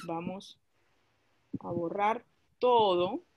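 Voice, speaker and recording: A woman's voice: medium pitch, extremely slow, a little mellow, slight background noise. A woman teaching a class, explaining a chemistry lesson step by step and asking her students questions as she goes.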